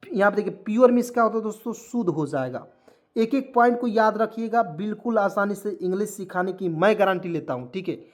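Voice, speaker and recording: In an online lesson, a man teaches English spelling and pronunciation, calling his viewers friends. His voice sits high and is expressive and fairly quick, and he goes word by word, often posing a question and answering it himself.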